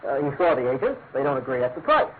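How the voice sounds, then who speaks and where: An actor playing a dutiful, matter-of-fact police inspector in a classic radio drama, speaking deferentially. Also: male voice, medium pitch, big pitch swings, very fast, slight background noise, natural voice. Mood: confident. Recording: tinny vintage radio, music underneath.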